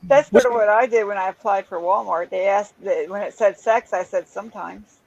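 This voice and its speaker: A woman in a casual chat telling wry, deadpan jokes. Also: medium pitch, a little fast, gravelly, dry recording, muffled recording.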